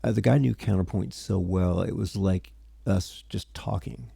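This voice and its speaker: A tired man gives a casual music theory lesson to livestream viewers. His voice is very low, dark and heavily gravelly, a little husky, and the sound is dry. He rambles and stops himself mid-sentence. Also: normal speed, dry recording. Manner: rambling, self-interrupting, chatty with viewers.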